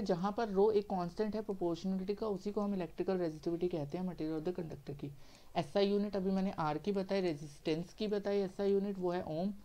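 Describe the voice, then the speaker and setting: A male teacher lectures in a mellow, warm voice. He works through each step methodically, asks questions and answers them himself, and keeps checking that the class is following. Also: high voice. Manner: repeats "theek hai" to check understanding. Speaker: science teacher.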